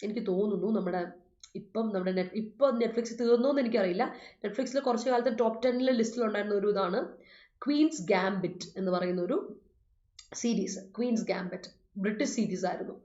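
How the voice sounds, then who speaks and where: A woman with a mid-range, dark voice gives an online vocabulary lesson at a brisk pace. Patient and explanatory, she reads learners' sentences and corrects them. The recording is roomy and slightly dull and muffled.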